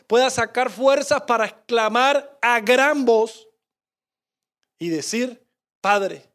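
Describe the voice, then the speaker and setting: A male pastor preaching with passion in a very high voice. He talks straight to the congregation and sinks to a soft hush for quoted words. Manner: impassioned preaching, drops to a hush when quoting Jesus. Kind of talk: sermon.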